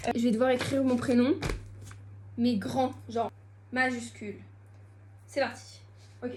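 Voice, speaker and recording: A young woman chatting casually at home through a challenge vlog, self-mocking and quick to laugh. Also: a little high, fairly even intonation, crowd noise. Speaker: vlogger.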